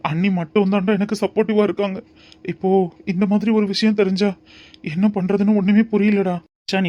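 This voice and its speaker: A man voicing fretting young cartoon friends, high voice. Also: natural voice. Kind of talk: cartoon voice acting.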